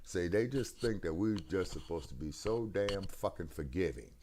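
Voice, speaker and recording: A man's voice: deep voice, lively intonation, moderate pace, a crowd in the background. A man talking over a video call through a headset. He speaks emphatically, in a preachy way, and keeps checking "you see what I'm saying?". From United States. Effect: heard over a video call, connection breaking up. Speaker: co-host of a talk stream. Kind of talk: casual political discussion.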